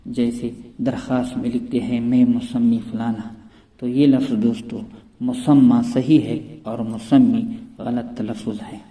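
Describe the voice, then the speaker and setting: Dark-voiced man teaching pronunciation. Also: mid-range voice. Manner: measured, repeats "friends" often. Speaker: educational channel host. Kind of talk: scripted pronunciation lesson. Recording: echoey room with long reverb.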